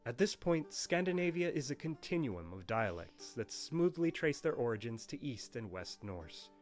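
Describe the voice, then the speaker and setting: With faint music playing underneath, a man narrates a scripted history of a language in a playful, wry storytelling style. His mid-range voice is very animated and moves at a normal speed.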